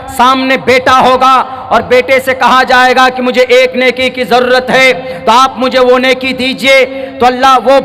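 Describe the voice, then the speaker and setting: Over a noisy public address system with heavy, long reverb, a very high, forceful male preacher addresses a crowd in fiery sermon style. His declamatory, emphatic speech repeats phrases for stress and mixes scripture recitation with English words.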